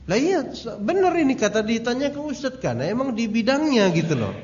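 A man's voice: very high voice, sing-song, a little fast, a little mellow, slight background noise. A man teaching a religious study lecture in a casual, joking way, telling anecdotes and speaking directly to his audience. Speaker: Islamic teacher. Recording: dull lo-fi recording.

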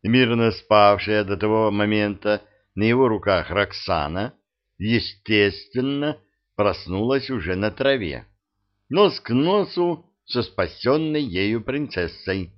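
A man reading a fairy-tale novel aloud as an audiobook narrator, in a measured storytelling style. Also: on the low side, lively intonation. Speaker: audiobook reader. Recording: dull lo-fi audio.

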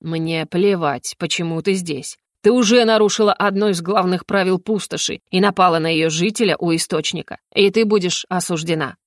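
A woman's voice: lowish voice, no room sound, studio quality, close to an everyday voice. Woman doing a cold, commanding clan chief. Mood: icy. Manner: slow, icy, authoritative. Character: cold, commanding male clan leader, stern.

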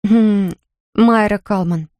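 A woman's voice: mid-range voice, slow pace, darkish tone, no room sound, close to an everyday voice. A woman reading an audiobook, voicing a flustered young heroine who talks plainly and hesitantly.

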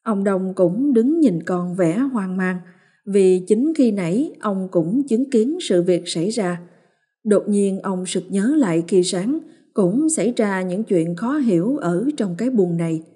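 A woman narrating a ghost story in a steady, even way. Her voice is mellow and warm, sitting at a middle pitch. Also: measured pace, slightly rough. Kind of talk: scripted horror story narration.

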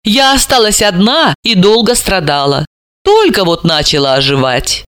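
A man voicing a proud, sharp-tongued young woman who speaks in a defiant, mocking way in an audiobook. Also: sits high, very animated, moderate pace, clear, resonant tone, no room sound, studio quality. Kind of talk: audiobook character reading.

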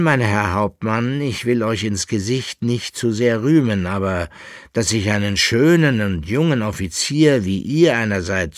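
A man's voice: on the low side, dry recording, studio quality. A man voicing a teasing masked noblewoman. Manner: teasing, playful and sharp.

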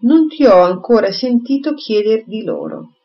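A reader voicing a lively, tactful young woman in an audiobook, lightly wry. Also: a little high, moderate pace, voice pushed up. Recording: slightly muffled recording.

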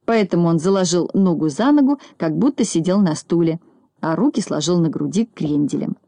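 Woman reading a kids book out loud, calm and even, lowish mellow voice, dry close sound. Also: fairly quick, vocal fry, dry recording. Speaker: reader. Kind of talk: children's story reading.

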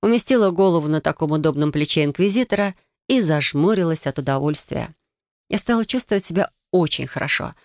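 A woman narrating a first-person fantasy story in an even, expressive reading. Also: sits low, fairly quick, no room sound, clean studio sound. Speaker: audiobook narrator.

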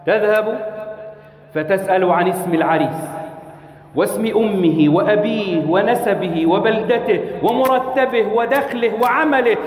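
A man preaching a sermon, speaking with passion, repeating phrases for effect and sometimes slipping into a chant. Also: high-pitched. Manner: impassioned, rhetorical repetition, sometimes chanting. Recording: echoey hall reverb.

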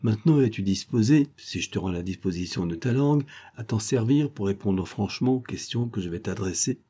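A man's voice: lowish voice, lively intonation, brisk, mellow. A man doing a cocky, mocking young street sleuth. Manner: taunting, teasing.

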